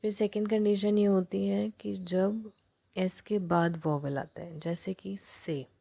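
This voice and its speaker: A woman explaining shorthand strokes at an unhurried pace, her low voice gravelly and a little husky. She mixes Hindi with terms and keeps slipping into soft, near-whispered asides. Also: fairly even intonation. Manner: soft, often sinking to a near whisper while writing. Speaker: shorthand teacher.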